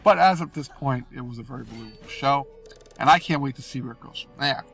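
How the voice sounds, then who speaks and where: Faint music plays behind a man whose mid-range voice is fast, creaky and fairly bright. He's a gaming video host fighting a cold, so he sounds nasal and stuffed up as he drives and rambles apologetically over gameplay.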